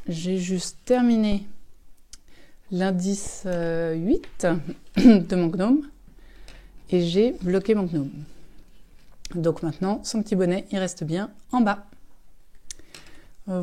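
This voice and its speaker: A middle-aged woman, hoarse and losing her voice, chatting casually and rambling with many fillers in an evening knitting vlog. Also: medium pitch, takes it slowly, pauses often, dark tone. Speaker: knitting vlogger.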